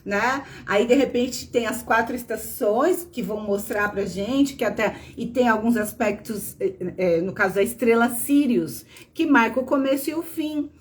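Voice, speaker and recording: A woman's voice: a little high, normal speed, hardly any pauses. A woman with a Brazilian Portuguese accent, a tarot reader and teacher who explains patiently on a live stream, often ending phrases with a questioning tag and greeting viewers by name. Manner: patient explaining, tags lines with "né?".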